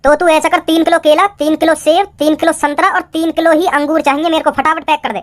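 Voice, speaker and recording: A woman playing a swaggering, menacing male gang boss in a comedy skit who delivers slow, dramatic threats. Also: sits high, flat delivery, lightly acted. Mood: bossy.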